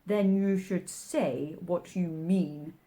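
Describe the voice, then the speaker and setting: A woman's voice: on the low side, slow pace, dark tone. A woman voicing a contrary, rude male talking hare in a storybook, emphatic and pedantic.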